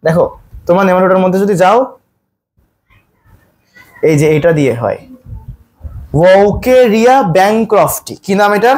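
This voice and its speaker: A man teaching a biology exam-prep lesson. He keeps quizzing his students and repeats each question, then slows down to spell out scientific terms. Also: high voice.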